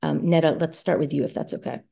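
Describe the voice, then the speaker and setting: Woman, very low gravelly voice, dark tone, hesitant moderator. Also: steady tone, quick pace. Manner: hesitant, many ums and you knows. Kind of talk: casual moderating. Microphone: video call.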